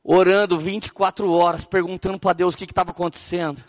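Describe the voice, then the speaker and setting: A Brazilian man preaching as a pastor, telling stories with animated acted-out dialogue. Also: high voice, quick pace. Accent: Brazilian Portuguese. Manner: animated storytelling, acting out dialogue. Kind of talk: sermon.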